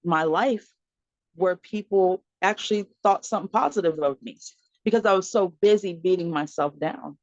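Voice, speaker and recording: Speaking at a moderate pace in a fairly low voice, this podcast guest, a mother of four, shares a personal story in conversation. She animates it by taking on the voices of those she quotes, laughing and using fillers throughout. It sounds like remote call audio, muffled and lo-fi, recorded in a close, dry space without echo.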